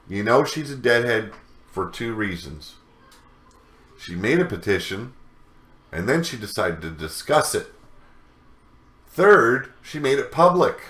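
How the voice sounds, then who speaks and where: Slow, profane ranting man in an echoey room. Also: mid-range voice, a bit bright. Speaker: wrestling news host. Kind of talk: ranting news commentary.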